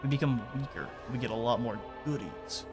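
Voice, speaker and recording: A man's voice: medium pitch, brisk, music in the background. Man chatting casually over a strategy game. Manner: relaxed, chatty, explains as he plays. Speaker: streamer. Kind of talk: casual gameplay commentary.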